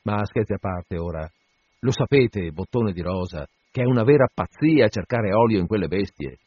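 A man voicing a brash, jovial sailor mate who talks in loud, teasing banter. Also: on the low side, animated, moderate pace, husky, dry recording. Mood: mocking, jovial. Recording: dull lo-fi dry recording.

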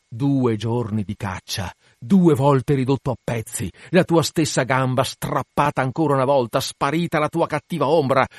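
A man's voice: mid-range voice, no echo, clean studio sound, lightly acted. A man reading earnest first mate Starbuck. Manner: pleading, earnest. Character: pleading first mate, grave and devout. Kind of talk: dramatic reading.

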